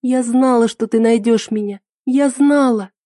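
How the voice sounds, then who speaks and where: A woman voicing an emotional young heroine in an audiobook, her lines pitched high and urgent. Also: moderate pace, mellow, slightly rough, no room sound, clean studio sound.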